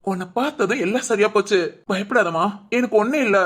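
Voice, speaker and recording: A woman's voice: medium pitch, fast talker, very noisy, close to an everyday voice. A woman voicing a scheming young man in a Tamil cartoon drama, coaxing and defensive. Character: young man, scheming lover faking poisoning.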